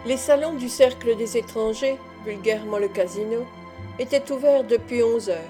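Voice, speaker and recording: A woman narrating a classic novel as an audiobook, in a measured, even reading. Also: a little high, over music. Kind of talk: scripted narration.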